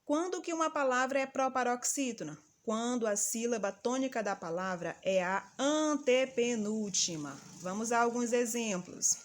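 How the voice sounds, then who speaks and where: A woman teacher giving a patient, didactic lesson and calling out example words slowly and loudly. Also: fairly high pitch. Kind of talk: recorded grammar lesson for children.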